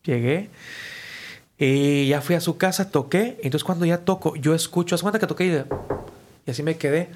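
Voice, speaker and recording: A man, a musician guest casually telling stories in an animated, slangy way and acting out the people he quotes. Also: fairly high pitch, normal speed, slight background noise. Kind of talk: casual storytelling.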